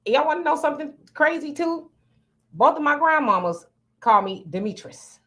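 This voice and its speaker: In an animated, high, bright voice with a forceful tone, a woman hosts a livestream at normal speed. She reads comments from her viewers and banters frankly and playfully.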